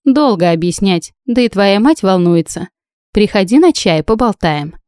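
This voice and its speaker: A wry old witch and grandmother, dry and a little scornful, speaking at an unhurried pace, as a woman narrator puts her on. The tone is mellow and the recording close and dry. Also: medium pitch, lively intonation, clean tone, no room sound, natural voice. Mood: calm. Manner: dry, snorting.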